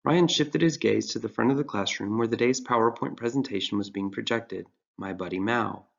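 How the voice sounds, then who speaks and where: A man's voice: mid-range voice, a little fast, gravelly. A man narrating a scripted story in a dry, wry manner. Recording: dull lo-fi recording.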